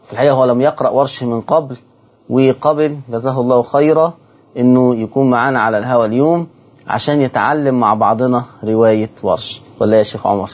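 A man's voice: mid-range voice, a little mellow, muffled recording. Egyptian man teaching Quran recitation. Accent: Egyptian Arabic. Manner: slowly chants and repeats example words from the verses. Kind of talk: televised Quran recitation lesson. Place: television studio.

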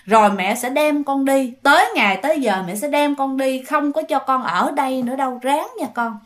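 Creepy long-armed female tree ghost, high and drawn-out cooing voice, as a woman storyteller puts her on. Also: natural voice. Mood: coaxing.

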